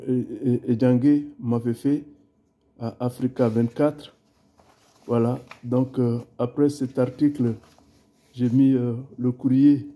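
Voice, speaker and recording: A middle-aged man presents a school play booklet in casual, halting speech full of fillers and restarts. His voice is very dark and somewhat husky. He takes his time over every phrase. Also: mid-range voice. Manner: halting, many fillers and repeated words.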